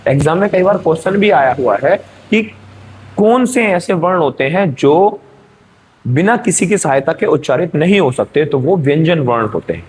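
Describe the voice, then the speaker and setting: A man's voice: a little high, animated, normal speed, darkish tone, slight background noise. A male teacher giving an exam-prep grammar lesson, explaining step by step and checking in with his students.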